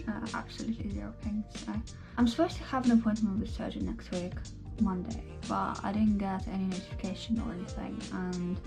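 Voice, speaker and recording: A woman's voice: mid-range voice, gravelly. Lispy woman recovering from jaw surgery. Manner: candid, swears casually. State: swollen face, lispy after jaw surgery. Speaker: vlogger. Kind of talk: casual vlog chat. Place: home.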